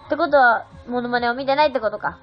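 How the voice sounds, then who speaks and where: A woman's voice: a little high, fast talker. A young woman chatting casually on a livestream, giggling and answering viewer comments. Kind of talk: casual live-stream chat. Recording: dull lo-fi stream audio with faint music.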